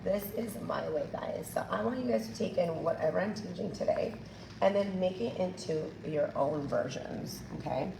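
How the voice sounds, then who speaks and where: Teaching a hair coloring technique hands-on, this chatty woman addresses her audience as "you guys," though her voice is still coming back after being lost. She speaks at a normal speed, low-ish with vocal fry. The room echoes, the mic is distant and there's noise.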